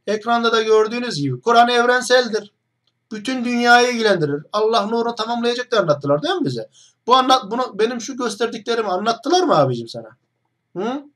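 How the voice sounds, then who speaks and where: A man's voice: high voice, fairly bright tone. A young man hosting an online video, talking straight to the camera in a mocking, combative monologue full of rhetorical questions.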